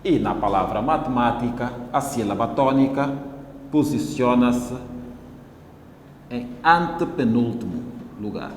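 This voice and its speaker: A male teacher with an Angolan Portuguese accent, giving a televised classroom lesson and spelling out syllables slowly and deliberately. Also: mid-range voice, expressive, a little hiss or hum. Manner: slow, deliberate, syllable-by-syllable explaining. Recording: echoey room with long reverb.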